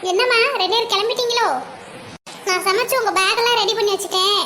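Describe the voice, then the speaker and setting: A fussy cartoon mother nags and grumbles, voiced by a performer in a shrill, very high voice. A steady hiss of noise sits under the track. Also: fast talker. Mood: nagging. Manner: grumbling, nagging. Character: fussy mother scolding her daughters, middle-aged woman. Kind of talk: Tamil cartoon comedy dubbing. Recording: audible background noise.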